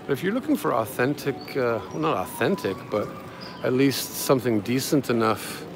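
On a busy outdoor market street, a live-streaming travel vlogger and guide casually rambles through a walking tour. His medium-pitched voice has big pitch swings and vocal fry at a normal speed. Street crowds and passing vehicles fill the background.

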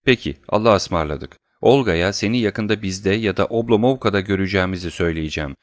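A man reading an audiobook, voicing a calm, friendly gentleman saying goodbye in an even tone. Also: low voice, fairly quick, dry recording, clean studio sound, natural voice.

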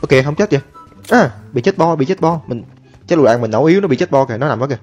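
A man giving excitable, chatty commentary over his own gameplay, talking to viewers and taunting enemies. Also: fairly high pitch, rapid-fire, slightly rough. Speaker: gaming streamer. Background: game music and gunfire.

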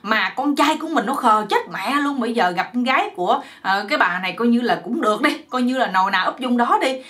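A woman's voice: on the high side, lively intonation, quick pace, a bit bright. A woman with a Southern Vietnamese accent voicing a doting old village mother who fusses and complains. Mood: fussing. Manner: fussing, exasperated.

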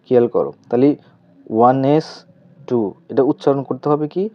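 A man teaching a chemistry lesson step by step with a Bangladeshi Bengali accent, asking questions aloud and answering them himself. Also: medium pitch. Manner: asks questions aloud then answers, repeats terms slowly. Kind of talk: step-by-step tutorial explanation. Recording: slightly dull lo-fi recording.

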